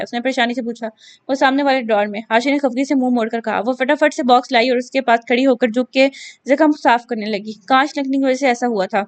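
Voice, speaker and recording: High-voiced woman reading a novel aloud. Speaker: novel reader.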